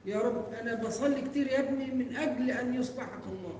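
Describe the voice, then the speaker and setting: A man's voice: very high voice, racing, a crowd in the background. A man with an Egyptian Arabic accent in the audience, putting questions to the teacher. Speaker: audience member asking a question. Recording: distant voice in an echoey hall.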